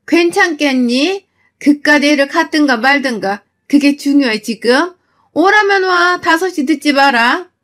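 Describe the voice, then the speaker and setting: A woman voicing a harsh, bossy middle-aged mother-in-law who scolds and insults in a shrill, loud voice. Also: animated, moderate pace.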